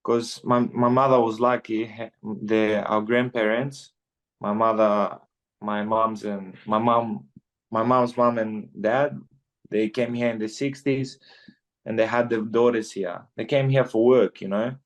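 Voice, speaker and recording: This guest fighter, a Greek man in his twenties, chats in a relaxed interview and sprinkles in "you know" often. His voice is on the low side, with a steady tone and a measured pace.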